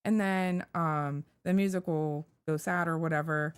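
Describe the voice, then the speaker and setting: A woman's voice: low-pitched, steady tone, unhurried, smooth. A woman streamer and cosplayer talking casually on a stream, rambling with lots of "like" and "um" fillers. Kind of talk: casual live-stream chat.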